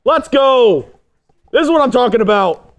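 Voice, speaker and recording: A man co-hosting a casual game watch-along stream, his voice muffled as if inside a fishbowl while talking from inside a football helmet, hyped and excitable. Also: very high-pitched, moderate pace, a little hiss or hum. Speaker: livestream co-host.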